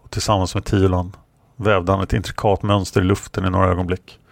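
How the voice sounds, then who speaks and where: A man reading a fantasy story aloud in a steady, measured way. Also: low-pitched, gravelly, no room sound. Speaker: narrator.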